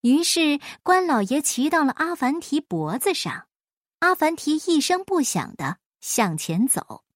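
Slow, lively woman reading a story. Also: high-pitched, no echo, studio quality.

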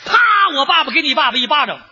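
A man performing a staged crosstalk comedy routine in a loud, declaiming voice, with vocal sound effects, heard through a slightly muffled old radio broadcast. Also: extremely high pitch, racing.

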